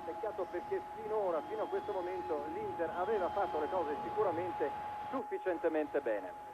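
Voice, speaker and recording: High-pitched male football commentator. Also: animated, brisk. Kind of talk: live football commentary on television. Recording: dull lo-fi broadcast, noisy stadium ambience. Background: stadium crowd noise.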